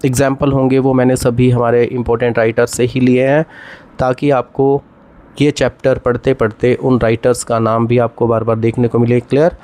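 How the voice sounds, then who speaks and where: A man teaching English literature, explaining poetic devices step by step, reading poem lines aloud slowly and often checking that students follow. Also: mid-range voice, little pitch movement, a little mellow. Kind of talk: classroom lecture on poetic devices.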